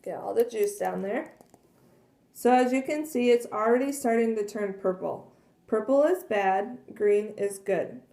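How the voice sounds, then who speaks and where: A woman demonstrating cleaning cloths in a casual, earnest way, a little hoarse from losing her voice. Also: fairly high pitch, a little slow, dark tone. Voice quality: frequent throat clearing and coughs. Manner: chatty, earnest, many fillers. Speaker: product demonstrator. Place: kitchen at home. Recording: echoey room.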